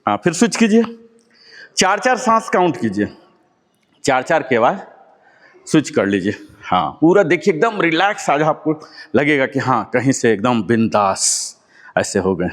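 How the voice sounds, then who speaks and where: A man's voice: medium pitch, sing-song, a little slow, pauses often. A man leading a live yoga class, encouraging his students and calling out each breath and pose. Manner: encouraging, calls out breaths and poses. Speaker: yoga instructor. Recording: long hall reverb.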